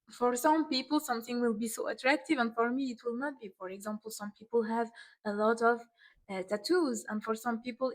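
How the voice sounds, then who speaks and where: Woman, somewhat high voice, casual vlog, earnest, direct, non-native English phrasing. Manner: earnest, direct, encouraging, repeats her points. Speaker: beauty and self-image content creator.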